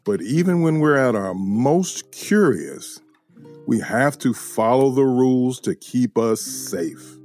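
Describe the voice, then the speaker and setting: A man voicing a gentle male bear who calmly explains safety rules to a child in a children's show. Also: medium pitch, soft background music. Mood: patient. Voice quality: slow, calm explaining. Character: gentle male bear friend, patient teacher.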